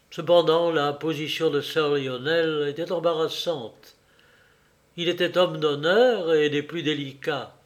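A man narrating an audiobook in a measured, deliberate way. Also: a little high.

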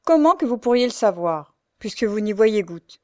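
A woman voicing a coarse, cruel old female beggar who scolds in a harsh, shrill way. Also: steady tone, moderate pace, lightly acted. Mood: scornful. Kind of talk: audiobook character reading.

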